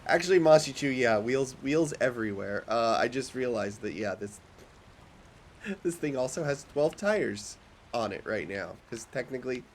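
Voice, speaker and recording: A man's voice: medium pitch, animated, normal speed, slight background noise. Giggly easygoing guy co-streaming. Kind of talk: casual gaming stream chat.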